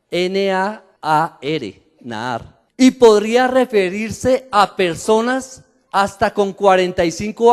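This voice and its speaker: A man's voice: high voice, clear, resonant tone. A Colombian man preaching a sermon to his congregation, telling stories with humor and asking the crowd questions. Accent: Colombian Spanish. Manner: animated storytelling with the congregation, laughing and asking questions. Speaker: pastor. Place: church hall. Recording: long hall reverb.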